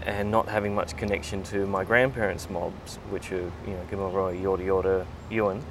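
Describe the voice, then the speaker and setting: A man from Sydney with an Australian accent, chatting casually as an interviewer in a halting, thoughtful way. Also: sits low, flat delivery, noisy background. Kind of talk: casual chat.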